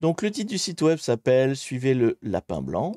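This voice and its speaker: His medium-pitched, darkish voice swoops wildly in pitch at a normal speed as he rambles through a hacking challenge on his live stream, breaking off mid-sentence to correct himself. It's a dry, studio-quality recording.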